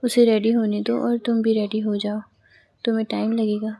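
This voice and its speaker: Firm, protective woman in an audio story, read by a woman, mellow and flat. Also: on the high side, normal speed, vocal fry, dry recording.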